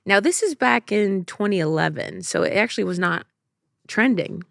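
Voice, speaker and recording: A woman's voice: mid-range voice, animated, moderate pace, vocal fry, no room sound. A woman co-hosting a comedy podcast, telling rambling, self-deprecating stories in casual chat, recorded on a close studio mic. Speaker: podcast co-host.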